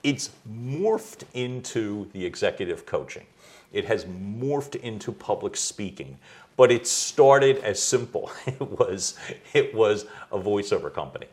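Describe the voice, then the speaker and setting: A middle-aged American executive voice coach, with a voice on the low side, is interviewed as a guest in his own home. He tells stories loudly and animatedly, laughing quickly and easily throughout the conversation.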